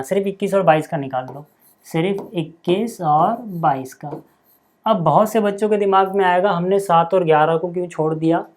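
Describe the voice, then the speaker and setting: A man with a high-sitting voice teaches a maths lesson step by step, dictating numbers slowly and constantly checking in with his students.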